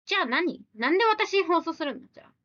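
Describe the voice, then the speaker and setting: High, lively woman streamer, blunt and teasing. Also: dry recording, highs cut off. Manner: blunt, teasing retorts mixed with quick questions. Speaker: live streamer. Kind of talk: casual live-stream chat reading viewer comments.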